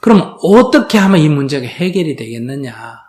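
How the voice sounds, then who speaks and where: A man's voice: on the high side, sing-song, moderate pace, darkish tone. A man, a Buddhist monk, giving a question-and-answer dharma talk to an audience, asking rhetorical questions and acting out quoted dialogue. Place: lecture hall before an audience.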